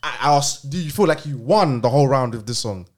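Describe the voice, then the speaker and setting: A man's voice: medium pitch, expressive, brisk. A young man with a London roadman accent, arguing in slangy, insistent banter and repeating his questions. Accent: London, urban roadman slang. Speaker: podcast panellist. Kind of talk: casual argumentative banter.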